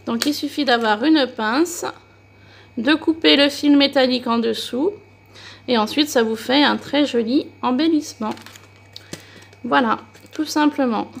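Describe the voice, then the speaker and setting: A woman's voice: sits high, unhurried, gravelly, pauses often. Chatty French-speaking woman vlogger. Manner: chatty, many hesitations and fillers. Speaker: crafting vlogger. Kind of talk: casual haul video chat.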